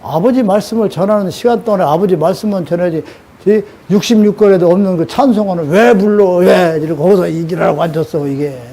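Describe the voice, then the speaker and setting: A man's voice: high voice, fast, dark tone. An older man preaching a sermon in a scolding way, throwing rhetorical questions at his audience.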